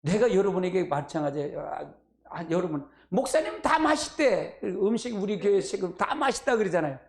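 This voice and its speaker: A man's voice: sits high, lively intonation, a little fast, vocal fry. A middle-aged man preaching at a church prayer meeting in a folksy call-and-response style with personal asides. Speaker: pastor. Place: church sanctuary. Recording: echoey church hall.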